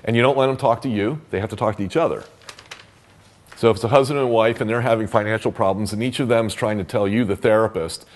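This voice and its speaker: A man explains therapy methods in a relaxed, off-the-cuff teaching style. His voice sits on the lower side, and he keeps circling back with fillers and restarts as he works out his point. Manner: conversational, loose, full of fillers and restarts. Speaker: therapy trainer. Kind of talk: casual teaching talk.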